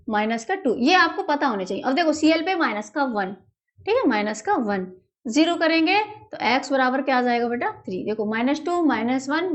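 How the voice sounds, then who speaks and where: A woman teaching chemistry at a whiteboard, affectionately calling her students "beta", repeating key terms and answering her own questions. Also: high-pitched. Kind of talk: whiteboard lesson, explaining step by step.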